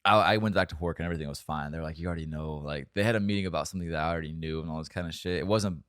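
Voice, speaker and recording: A man's voice: very deep voice, racing, a bit bright, clear, resonant tone, no room sound, clean studio sound. A young man co-hosting a podcast, telling a long story in a rambling, profane, laughing way. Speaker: podcast co-host. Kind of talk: casual storytelling chat.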